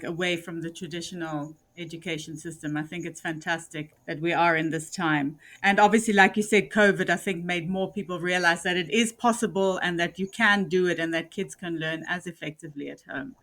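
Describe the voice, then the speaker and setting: A woman's voice: fairly low pitch, steady tone, normal speed, hardly any pauses, fairly bright tone. A woman hosting a podcast interview, asking questions fluently and encouragingly. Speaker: podcast host.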